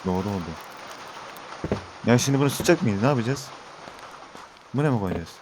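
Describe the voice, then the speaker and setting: Over some background noise, a young Turkish man gives let's-play commentary in a medium-pitched voice with lively intonation and a moderate pace. As a gaming YouTuber, he chats with viewers while playing and gets frustrated and exasperated with the game.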